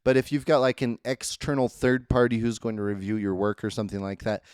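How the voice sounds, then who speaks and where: A drunk man co-hosting a podcast, rambling loudly and joking as he chats. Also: mid-range voice, level tone, brisk, clear, resonant tone, no echo, clean studio sound. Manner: rambling, loud, jokey. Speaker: podcast co-host. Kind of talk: casual chat.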